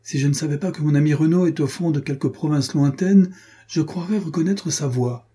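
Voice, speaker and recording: A man's voice: fairly high pitch, a little fast, warm tone, slightly rough, voice pushed up. A man voicing a proud, gallant young nobleman who speaks in an earnest, exclaiming way.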